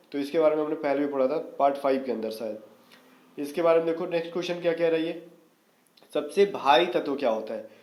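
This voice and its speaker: A man's voice: fairly high pitch, a little mellow, roomy sound. A man teaching an exam-prep lesson in a casual coaching manner, often checking in with his students. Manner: casual coaching, frequent "theek hai" check-ins.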